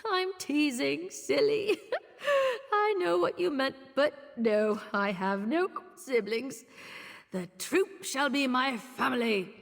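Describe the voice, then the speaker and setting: A woman's voice: high voice, big pitch swings, vocal fry, exaggerated voice. An actress playing a tipsy, flirtatious, boastful female elf circus performer in a video game, with a teasing, playful manner. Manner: teasing, slow, languid, playful. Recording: slight hall reverb with game music.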